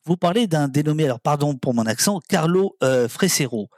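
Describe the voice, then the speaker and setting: A man's voice: a little high, brisk, dry recording. Chatty male talk-show host, dry sound. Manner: relaxed, chatty, many fillers. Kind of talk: casual talk-show chat.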